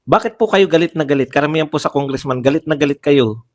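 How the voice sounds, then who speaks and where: A man's voice: a little high, fast. A man giving heated livestream political commentary, firing off rhetorical questions and repeating phrases for emphasis.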